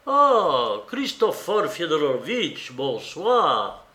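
A man's voice: fairly high pitch, lively intonation, unhurried, creaky. A man reading the part of a charming, self-pleased young amateur composer in a storybook reading, chattering eagerly. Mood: flattering. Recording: roomy echo.

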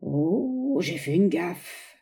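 Woman doing a guy getting throttled, squeaky and protesting, lively. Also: fairly quick. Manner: strained, protesting. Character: anxious man being throttled, half-strangled.

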